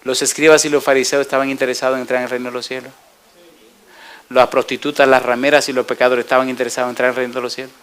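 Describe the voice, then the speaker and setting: A male pastor preaching a sermon, building to fervent peaks and dropping to a hush for the altar call and prayer. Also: medium pitch, level tone, rapid-fire, clean tone.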